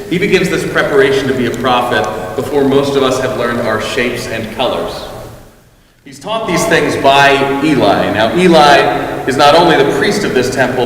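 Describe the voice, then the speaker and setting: A man's voice: medium pitch, fairly bright tone, slight background noise. A man preaching a sermon with wry, self-deprecating humor. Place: church sanctuary. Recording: echoey church hall, distant mic.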